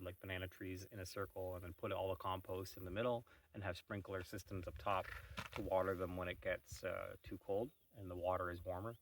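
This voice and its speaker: A man's voice: sits low, a bit bright. Rambling man chatting outdoors, slightly distant. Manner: rambling, musing, wry asides. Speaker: vlog host. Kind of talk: casual morning vlog chat. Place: shady outdoor terrace on a mountain farm.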